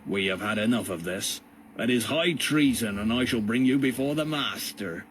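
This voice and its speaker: A man's voice: mid-range voice, lively intonation, a bit bright, slight background noise, natural voice. A man playing a sneering, pompous jailer. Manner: slow, sneering, lecturing. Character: sneering, pompous male jailer, cold and condescending.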